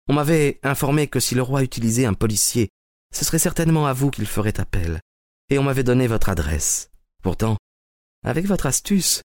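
A man's voice: medium pitch, darkish tone, no echo, studio quality, voice pushed up, natural voice. A man voicing a clever young woman's letter with a poised, self-assured manner in an audiobook reading.

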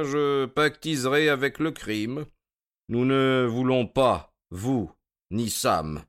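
Sherlock Holmes, ironic and calm, as a narrator puts him on. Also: male voice, medium pitch, smooth. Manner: calm, needling, methodical. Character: cool, ironic, self-assured male detective. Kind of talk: radio drama acting.

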